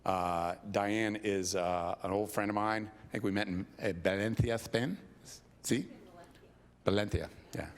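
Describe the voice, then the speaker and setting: Man, very low voice, conference moderator, filler-heavy, hesitant introduction. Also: level tone, clean tone. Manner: halting, many fillers. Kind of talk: casual introduction speech.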